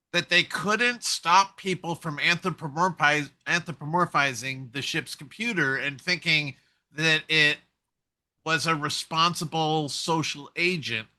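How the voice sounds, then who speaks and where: A man talking in a casual conversation, musing and telling stories with animated energy. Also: a little high. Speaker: co-host.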